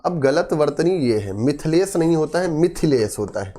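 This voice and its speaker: A man's voice: a little high, animated, brisk, dark tone. A man teaching an exam-prep grammar class, pressing each point home. He quizzes his listeners and then answers himself, repeating the key words for emphasis. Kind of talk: Hindi grammar lesson.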